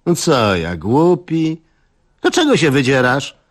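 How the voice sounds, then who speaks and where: A man doing a gruff village head. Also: medium pitch, wildly swooping pitch, slow, voice pushed up, full character voice. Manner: gruff, sullen. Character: grumpy drinking village head, middle-aged man.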